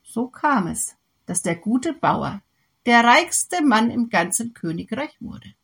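A woman reading a fairy tale aloud in slow, lilting storybook narration. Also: fairly high pitch, very animated, creaky, slightly rough.

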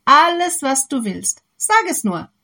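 A woman doing an excitable kind old-tale farmer. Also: high-pitched, unhurried, voice pushed up, exaggerated voice. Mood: eager. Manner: eager, loud storybook exclamations.

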